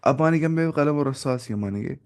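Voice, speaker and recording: A man teaching an Arabic grammar class, slowly repeating word forms and correcting himself as he goes. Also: mid-range voice, darkish tone. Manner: slow and repetitive, drilling word forms with self-corrections.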